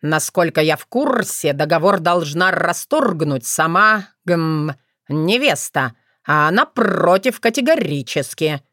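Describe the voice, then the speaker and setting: A sulky young male crow, voiced by a woman reader, a little lower and slower than her narrating voice, grumbling and dry. The recording is close with no room sound. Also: animated, a bit bright, no echo. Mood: sullen.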